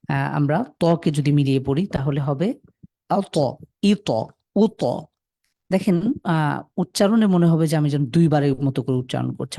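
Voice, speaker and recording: A man leads a Quran reading class in a warm, mellow voice. He patiently sounds out letters, stretching and repeating them for his students. The recording is dry and close, with no room sound. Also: a little high, dry recording. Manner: sprinkles in pious phrases. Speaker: Quran teacher. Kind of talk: Quran recitation lesson.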